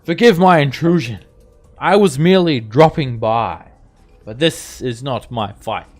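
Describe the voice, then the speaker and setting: A man voicing a courtly undead sorcerer villain in a tabletop game, with a formal, drawn-out, menacing delivery. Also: medium pitch, lively intonation, soft background music, pitched above the performer's own voice, close to an everyday voice.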